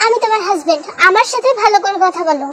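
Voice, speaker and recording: A woman's voice: very high voice, lively intonation, racing, background noise. A woman voicing a pushy, clingy young man who insists he is someone's husband, in a brash, teasing way.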